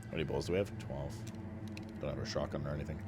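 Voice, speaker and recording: A man's voice: extremely low pitch, steady tone, racing, heavy background noise. A man giving laid-back, offhand commentary while playing a video game. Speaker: let's play host. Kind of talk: casual gameplay commentary. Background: game music.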